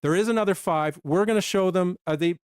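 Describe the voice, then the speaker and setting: A man co-hosting a casual product live stream, chatty and quick, sometimes short of breath. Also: sits high, smooth, no echo, studio quality. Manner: chatty, talks fast and runs out of breath.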